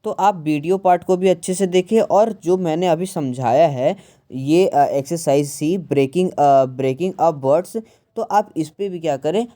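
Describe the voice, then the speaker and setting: A woman with a low, very mellow voice walks through an English workbook lesson. She talks slowly, hesitates often and drops English words into her Hindi. The tone stays warm and unhurried. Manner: slow, hesitant, many fillers, mixing English words into Hindi. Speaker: English teacher.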